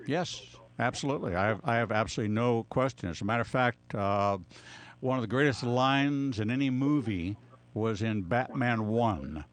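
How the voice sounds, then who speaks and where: A man's voice: mid-range voice, moderate pace. A man, a rabbi on a radio show, teaching scripture off the cuff in emphatic, declarative phrases that he often repeats. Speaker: rabbi answering callers on radio. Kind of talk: extemporaneous biblical teaching.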